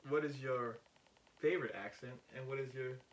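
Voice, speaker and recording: A man's voice: medium pitch, moderate pace, a little hiss or hum. A man co-hosting a podcast in casual chat, rambling and joking with filler words. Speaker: podcast co-host. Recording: echoey room, mic at a distance.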